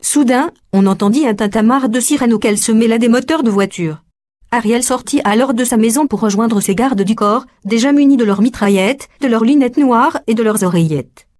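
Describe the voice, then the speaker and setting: Woman reading a story out loud, voice a bit on the high side, steady pace. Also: normal speed. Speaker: narrator. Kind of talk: scripted story narration.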